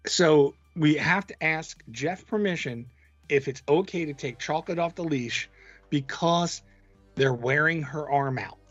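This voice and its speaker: A man co-hosts a horror movie podcast, blunt and exasperated as he picks things apart. His slightly high voice comes through a dull, muffled recording. Faint music plays underneath. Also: a little slow, no room sound. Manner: blunt, exasperated, swears casually. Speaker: podcast co-host. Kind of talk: casual movie review chat.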